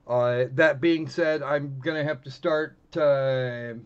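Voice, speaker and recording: The livestream host here speaks slowly in a mid-range voice with fairly even intonation and a clean tone, offering snarky, rambling, casual commentary as he plays. Despite that, the recording sounds dull and muffled, band-limited, with faint game music underneath.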